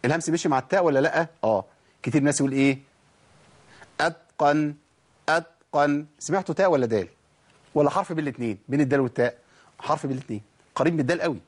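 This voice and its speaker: Racing along with lively intonation, a man with a medium-pitched, slightly breathy voice and an Egyptian accent gives a recorded Quran recitation lesson. He asks and answers his own questions and repeats words to illustrate the letters' sounds.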